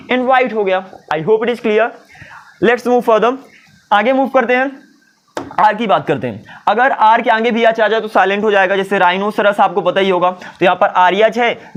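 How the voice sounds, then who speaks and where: A man teaching English pronunciation in a Hindi-English video lesson, asking and answering his own questions. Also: sits high. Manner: lively, asks and answers his own questions, voices imagined students.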